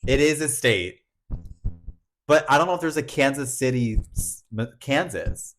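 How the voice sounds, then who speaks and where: Young male co-host, bouncy pitch, filler-heavy and profane, casual gossip. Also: measured pace, faint music behind. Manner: animated, filler-heavy, swears freely. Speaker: podcast co-host.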